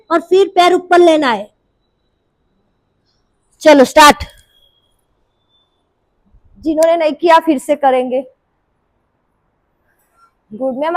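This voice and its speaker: Lady yoga teacher w sore throat, high voice, slow and dry, counting reps n nagging the class. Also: a bit bright, no echo, rough recording. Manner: scolding, coaxing, counts reps aloud. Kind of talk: live group class instruction. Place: indoor yoga class room.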